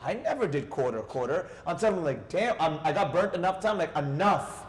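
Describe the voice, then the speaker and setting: A man mentoring trading students in casual talk, animated, asking the group questions. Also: fairly high pitch, a little fast, echoey room. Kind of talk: casual teaching chat.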